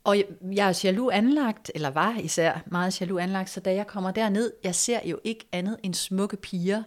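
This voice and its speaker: A woman calmly telling a personal story in a casual conversation, reflective and hesitant, with fillers and soft, hushed stretches. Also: medium pitch. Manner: reflective, hesitant with fillers, drops to soft near-whisper at moments.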